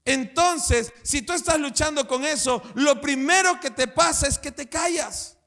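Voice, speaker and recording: A man preaching a sermon, his pitch sitting high for a male voice. He throws rhetorical questions at the congregation and climbs into impassioned shouts. A long church-hall reverb trails behind every phrase. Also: a little slow. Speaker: pastor.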